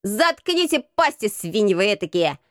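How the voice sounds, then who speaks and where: A woman reading an audiobook, voicing a bossy crippled street boy who leads a gang and barks gruff commands. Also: a little high, lively intonation, a little slow, fairly bright tone, no echo, clean studio sound. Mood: angry. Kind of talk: audiobook character voice.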